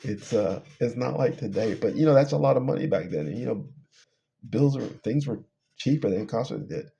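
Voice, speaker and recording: A man's voice: medium pitch, expressive, fairly quick, creaky, dark tone. A middle-aged man casually telling a personal testimony, rambling and laughing between phrases as he trails off. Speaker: storyteller.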